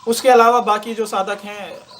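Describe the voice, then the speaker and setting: A man with a slightly raised pitch shares a spiritual testimony in a slow, pausing, reflective way. He is moved to tears at times. Faint birdsong runs behind him outdoors. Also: flat delivery, a bit bright, a little hiss or hum. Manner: slow, reflective and emotional, with many pauses and fillers. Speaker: meditation teacher.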